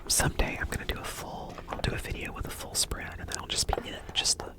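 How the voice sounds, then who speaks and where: Here an ASMR host keeps to a quiet whisper, unhurried and stop-start, casually passing things along to viewers.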